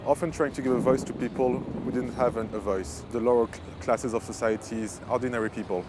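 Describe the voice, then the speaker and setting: A man's voice: mid-range voice, steady tone, fairly quick, loud music behind the voice. A man speaking in a reflective, explanatory way in a documentary interview.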